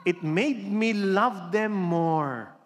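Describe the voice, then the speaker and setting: A man, a religion teacher, telling a true story to an audience in an animated, theatrical way. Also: extremely slow. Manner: animated, theatrical storytelling with big swings in pitch and loudness. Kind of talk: inspirational storytelling talk. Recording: reverberant hall with faint background music.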